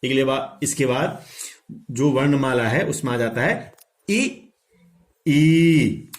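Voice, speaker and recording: A man teaching a pronunciation lesson to students, saying each sound slowly and repeating it for them to echo. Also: medium pitch, expressive. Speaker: Hindi teacher. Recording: echoey room.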